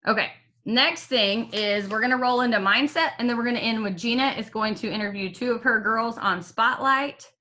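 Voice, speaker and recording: A woman's voice: on the high side, moderate pace, bright, forceful tone. A woman, leading a casual team meeting on a video call, upbeat and chatty, with the hiccups. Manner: upbeat and chatty, with fillers and jokes. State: has the hiccups. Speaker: team leader.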